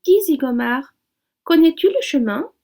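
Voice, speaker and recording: A woman's voice: high voice, animated, unhurried, dark tone, voice pushed up. A woman voicing a skeptical young male mouse in a storybook reading. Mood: worried.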